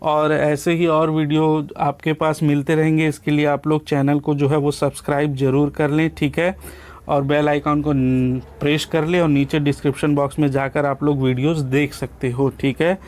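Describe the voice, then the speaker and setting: A man teaching a lesson, asking questions aloud and answering them himself, often checking in with a quick "okay". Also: on the high side, little pitch movement, darkish tone. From India. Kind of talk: classroom lecture.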